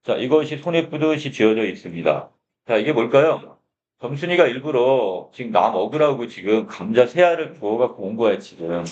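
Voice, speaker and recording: Male teacher, mid pitch, dull lo-fi sound; a lecture voice that asks questions and answers them. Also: lively intonation, moderate pace, darkish tone. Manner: starts phrases with a repeated filler, asks questions and answers them himself. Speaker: literature teacher. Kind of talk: lecture explaining a short story.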